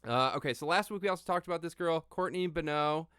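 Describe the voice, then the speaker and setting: A man's voice: fairly high pitch, fast, a bit bright, smooth, dry recording, studio quality. A man hosting a casual news livestream, blunt, sweary and emphatic, with slightly tongue-tied speech as if his mouth were numb from the dentist. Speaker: livestream host. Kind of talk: casual news commentary to viewers.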